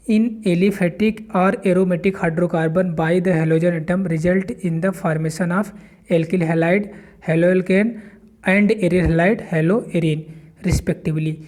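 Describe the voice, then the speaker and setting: High-voiced man teaching chemistry. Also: a little mellow. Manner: explains step by step, reads textbook lines slowly, repeats terms. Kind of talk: whiteboard chemistry lesson.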